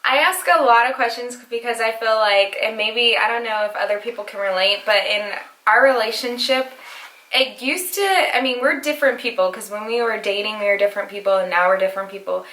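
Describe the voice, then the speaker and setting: A young American vlogger rambles and laughs often while chatting casually with her husband in an echoey room. Her voice sits a little high, fairly quick, bright and forceful.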